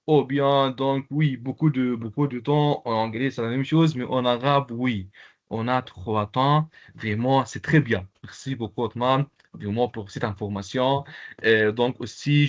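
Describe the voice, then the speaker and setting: A male teacher gives a lesson over a video call, explaining step by step with many pauses and repeated words. His voice sits at a middling pitch. The audio is slightly dull and lo-fi. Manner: hesitant, repeats words, slow careful explanations. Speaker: Arabic teacher. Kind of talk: online language lesson.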